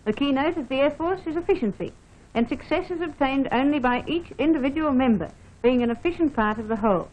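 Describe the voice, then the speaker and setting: With a high, animated voice and brisk pace, a woman narrates an air force training film, scripted and formal, instructing the listener directly. The recording is dull and narrow, band-limited like an old film soundtrack.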